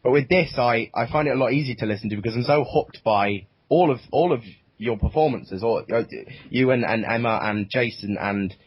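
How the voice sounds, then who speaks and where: A man's voice: medium pitch, breathy edge, dry recording. A young man, writer and producer of an audio drama, talking in a casual interview with many restarts. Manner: halting, full of restarts. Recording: dull, dry lo-fi sound.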